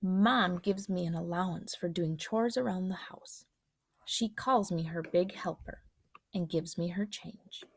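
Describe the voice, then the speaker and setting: Woman gently reading a picture book. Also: on the low side, measured pace, breathy edge, no echo. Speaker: storybook reader.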